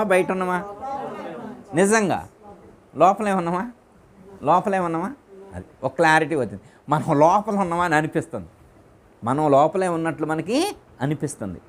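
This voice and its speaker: A man as spiritual teacher giving a discourse in a private home, repeating his phrases and putting questions to his listeners. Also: a little high.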